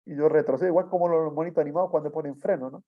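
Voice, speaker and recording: A man's voice: on the high side, steady tone, very fast. A man preaching a sermon, telling a testimony in a storytelling way and often adding tag questions. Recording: dull lo-fi sound.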